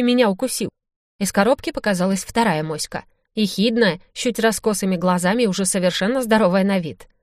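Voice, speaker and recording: A woman narrating a first-person audiobook in an expressive, dramatic way. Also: mid-range voice, no echo, clean studio sound.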